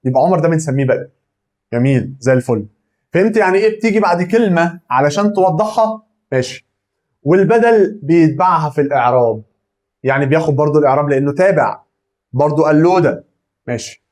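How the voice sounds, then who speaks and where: Young Egyptian man, lively teacher, slightly high voice, quizzes himself as he explains. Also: quick pace. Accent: Egyptian Arabic. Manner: animated, asks and answers his own questions. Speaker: grammar teacher. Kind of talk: lively classroom-style grammar lesson.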